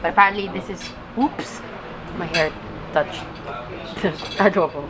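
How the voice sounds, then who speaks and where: Chatty young Filipina travel vlogger. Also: female voice, on the low side, a little slow, a crowd in the background. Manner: chatty, playful, easily delighted. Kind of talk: casual travel vlog narration.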